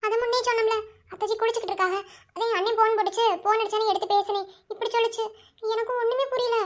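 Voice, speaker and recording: A woman's voice: very high voice, fairly even intonation, very fast. A woman doing a tiny, tearful Madurai village girl. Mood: worried. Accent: Madurai Tamil. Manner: sobbing, pleading. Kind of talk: cartoon voice acting.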